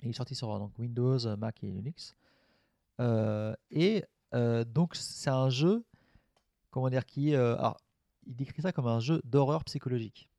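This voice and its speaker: A man's voice: mid-range voice, normal speed, mellow, no echo, studio quality. A man on a casual podcast panel, explaining things at length in a rambling way. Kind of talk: casual group chat.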